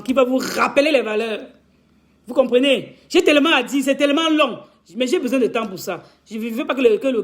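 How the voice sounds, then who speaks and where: On a live stream, a woman relationship coach with a slightly high voice delivers an impassioned, scolding rant. She fires off rhetorical questions and stammers over repeated words.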